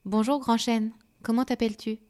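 A woman's voice: a little high, flat delivery, moderate pace, mellow, voice pushed up, lightly acted. A woman voicing a young female night flower, hopeful and a little wistful, in a children's storybook. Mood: friendly.

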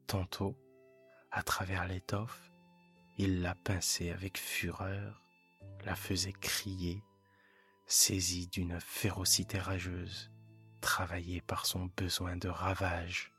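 Deep slow hushed male narrator. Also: soft background music. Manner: calm, hushed, measured delivery. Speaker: audiobook narrator. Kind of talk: soft bedtime story reading.

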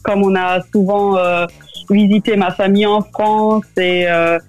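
A woman's voice: mid-range voice, level tone, a little slow, a little mellow, muffled recording, soft background music. A young woman with a German accent speaking French, answering radio interview questions in a hesitant way and often repeating words. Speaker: interview guest.

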